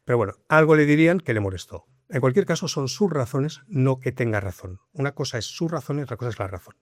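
A middle-aged man, a police officer, telling a story in a relaxed chat and acting out the dialogue as he goes. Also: mid-range voice, quick pace, no echo, studio quality. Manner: animated, acts out dialogue in his tale. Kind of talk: conversational storytelling.

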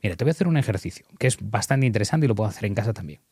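A man's voice: fairly low pitch, animated, very fast, a little mellow, slightly rough, no echo, clean studio sound. A man, explaining ideas and guiding an exercise in earnest, emphatic conversation.

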